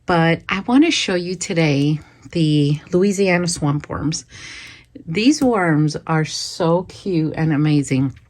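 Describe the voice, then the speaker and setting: A woman's voice: deep voice, slow, a little mellow. A woman hosting her worm farming channel, chatting with enthusiasm and the hiccups, outdoors at her worm bins. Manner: chatty and enthusiastic, with fillers and repeats. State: has the hiccups. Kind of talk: casual vlog chat.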